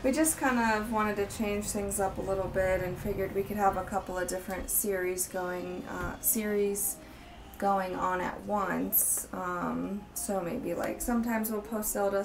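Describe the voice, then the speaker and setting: A woman's voice: medium pitch, distant mic, background noise. A woman co-hosting a let's play, chatting casually and rambling with fillers into a desk microphone at home. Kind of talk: casual gameplay chat. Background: game music.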